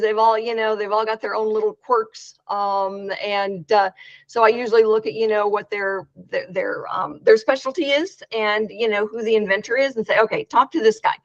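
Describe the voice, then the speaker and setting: A woman's voice: mid-range voice, no room sound. A woman running an inventors' meetup, talking frankly in casual chat, with lots of fillers and restarts. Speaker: meetup organizer. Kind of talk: casual video-call chat. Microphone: video call. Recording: dry, dull video-call audio.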